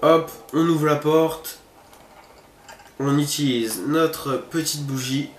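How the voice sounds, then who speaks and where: Faint music plays behind a man whose voice is on the high side, steady, and slow-paced. Hosting a horror game video, he chats casually and thinks aloud with viewers, in a roomy, echoing recording with faint background noise.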